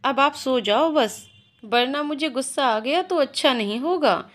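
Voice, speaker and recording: A sulky young wife answers her husband in short, huffy, pouting lines, voiced by a woman storyteller. She sounds bashful underneath the irritation. The voice sits fairly high. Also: expressive, unhurried.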